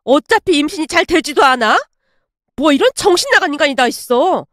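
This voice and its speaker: A blunt middle-aged mother who scolds hard and raises her voice high, as a woman acts her out. Her talk jumps all over in pitch. The sound is close and dry. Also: sing-song, moderate pace, dry recording. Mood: furious. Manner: scolding, shouting.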